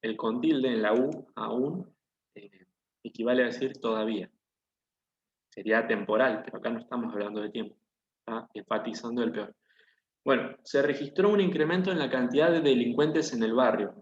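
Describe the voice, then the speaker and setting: During an online class lesson, a man speaking at an even pitch and moderate pace patiently leads his students through each example with questions. The room audio is dull and echoey, his voice muffled, with faint typing in the background.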